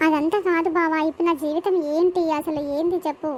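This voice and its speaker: A woman with a Telangana accent playing a wronged young village woman in a comedy skit, pressing her questions in a high, insistent voice. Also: flat delivery, fast talker, darkish tone. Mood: upset. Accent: Telangana Telugu.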